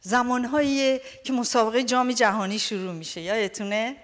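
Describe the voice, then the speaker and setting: Woman preacher, high pitch, heartfelt storytelling sermon, long hall reverb. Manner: emotional, storytelling preacher addressing listeners as dear ones. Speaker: pastor.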